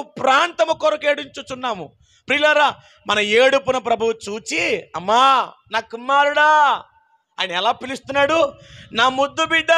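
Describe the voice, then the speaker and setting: A male pastor preaching a night prayer sermon, chanting lines and shouting hallelujahs, then dropping to quiet speech. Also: very high voice. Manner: swings from loud exhortation to quiet speech.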